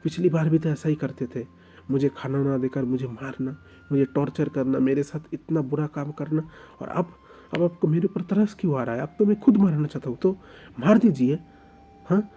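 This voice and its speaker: A man voicing an angry, defiant young male captive in a storybook romance, taunting and shouting. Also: mid-range voice, normal speed, slightly rough.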